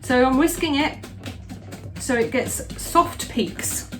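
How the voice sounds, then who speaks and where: A middle-aged home baker, the host's mother, chats casually while she bakes, rambling with lots of restarts and "you know"s. Her voice is high and slow, with music playing underneath.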